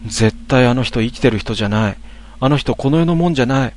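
A man's voice: mid-range voice, fast talker, slight background noise, natural voice. A man voicing a frightened young woman who trembles and keeps begging to go home. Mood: panicked insisting. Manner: pleading, trembling, repeats herself.

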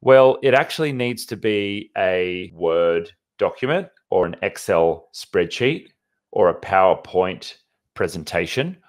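Male tech explainer, conversational tutorial delivery, slightly low voice. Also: expressive, unhurried. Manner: conversational, walks through a screen demo. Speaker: IT consultant host.

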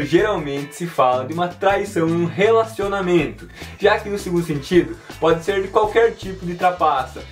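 Guy teaching english, repeats each word slow, bit far from the mic, soft guitar behind. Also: a little high. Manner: clear and didactic, repeats words slowly. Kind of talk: language lesson.

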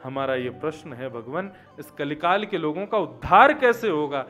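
Seated at a lectern on a religious event's stage, a man gives a conversational devotional talk full of anecdotes, posing rhetorical questions and answering them himself. His voice sits high, animated and a bit bright at a normal pace, captured by gooseneck podium microphones over soft background music.

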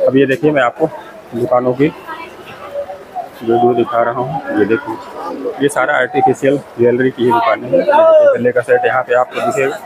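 This man's mid-range voice has lively intonation and a moderate pace, captured in a rough recording over a loud crowd. As a vlogger touring a packed outdoor market, he keeps saying "look here" while showing viewers the shops, and street noise is loud in the background.

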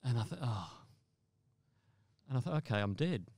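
A man from Australia, a mountaineer guest in an interview, telling a vivid story in a halting way with repeated words. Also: mid-range voice, big pitch swings, darkish tone, no echo.

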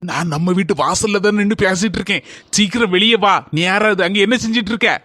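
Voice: mid-range voice, fast, pushed and bright, no room sound. A voice actor playing a harried village husband in a cartoon comedy, urgent and nagging. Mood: exasperated.

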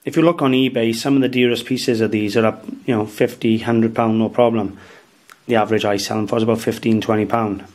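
A Welsh antiques dealer in his thirties hosts a casual show-and-tell vlog from his dining room, chatting about his market finds and peppering his tips with "um" and "guys." His voice is lowish, a little mellow and slightly fast, with fairly even intonation.

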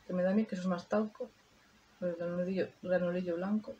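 A woman's voice: fairly low pitch, steady tone, quick pace, mellow, breathy edge, muffled recording. A woman talking viewers through a makeup tutorial in a chatty way, thinking aloud as she works. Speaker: beauty vlogger. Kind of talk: casual makeup tutorial chat.

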